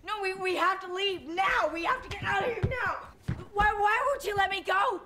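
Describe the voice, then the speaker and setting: Frantic high-voiced captive woman. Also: moderate pace, very noisy. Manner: stammering, urgent pleading. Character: terrified captive young woman, frantic and pleading. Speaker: captive young woman in a film.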